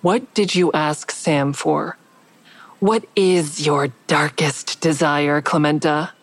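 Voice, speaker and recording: This performance is heavily acted: a low, steady voice moves slowly through first-person narration and dialogue. The actress plays the lead, a guarded and callous woman telling her own thriller, restrained and probing throughout. The mood remains tense and guarded.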